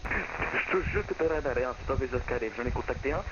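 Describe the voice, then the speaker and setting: A man's voice: medium pitch, animated, fast. A man talking through a voice changer with a put-on Turkish accent, trolling as a pilot on a flight-sim radio frequency. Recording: muffled radio channel with static noise.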